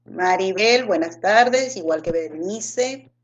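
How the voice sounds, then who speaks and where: A woman co-hosting an online talk on a video call, greeting attendees politely and briskly keeping the start on time. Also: medium pitch, expressive. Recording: dull lo-fi video-call audio.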